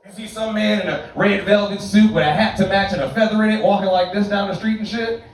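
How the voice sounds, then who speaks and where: A man performing a stand-up comedy set, animated and jumping into high voices for his bits. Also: fast talker, heavy reverb, distant mic, a little hiss or hum, poor audio. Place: comedy club stage. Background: audience laughter.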